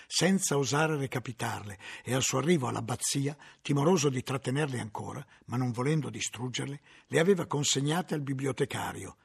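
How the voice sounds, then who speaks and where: A man narrating a literary novel aloud in a measured, dramatic reading. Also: medium pitch, lively intonation, creaky, slightly rough. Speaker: audiobook reader.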